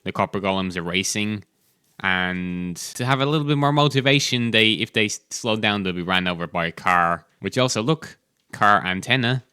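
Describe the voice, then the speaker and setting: A man's voice: lowish voice, normal speed, sharp tone, clear, resonant tone, dry recording. A man hosting gameplay commentary, chatty and enthusiastic, talking while chewing gum. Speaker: host.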